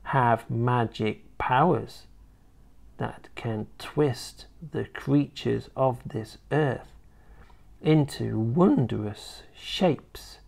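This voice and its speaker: A storybook reader voicing a sinister, witch-like old grandmother who taunts and threatens in a drawn-out way, slipping into a throaty whisper. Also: gravelly, a little mellow, heavily acted. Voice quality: shrill and cackling, dropping to a throaty whisper. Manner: slow, drawn-out menacing delivery. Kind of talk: storybook reading.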